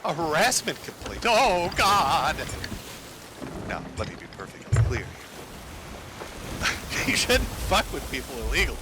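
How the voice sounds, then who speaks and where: A man's voice: on the high side, huge pitch swings, moderate pace, noisy background. A man commentating on online drama while gaming, profane and mocking. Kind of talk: casual commentary.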